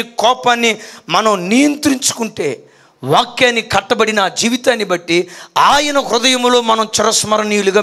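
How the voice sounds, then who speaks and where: Bright high-voiced preacher man. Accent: Telugu. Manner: storytelling preacher, voices quoted people, rising to shouts. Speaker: pastor. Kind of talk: sermon.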